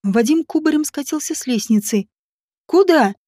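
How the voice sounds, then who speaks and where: A woman narrating an audiobook in a measured, expressive reading style. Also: sits high, dry recording, studio quality. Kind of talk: scripted narration.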